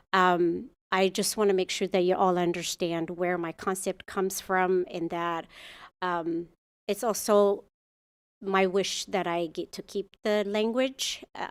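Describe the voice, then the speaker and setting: Woman with Ethiopian accent, muralist, earnest, halting, restarts sentences. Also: medium pitch, clear, resonant tone. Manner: earnest, searching for words, many restarts. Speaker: muralist at a public commission meeting. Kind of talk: public comment at a meeting. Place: city council chamber.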